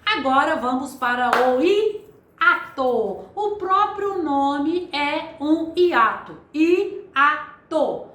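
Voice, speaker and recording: A middle-aged woman teaching Portuguese grammar in a video lesson, explaining step by step and spelling out syllables slowly. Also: sits high, lively intonation, a bit bright, echoey room.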